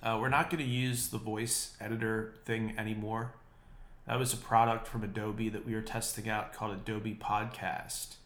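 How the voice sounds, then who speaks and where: A man with a lowish, slightly bright voice hosts his own podcast, going through the news in a casual solo monologue that's wry, opinionated and rambling. He speaks at a normal speed in a level tone and sounds a bit nasal and congested. The unprocessed mic picks up an echoey room.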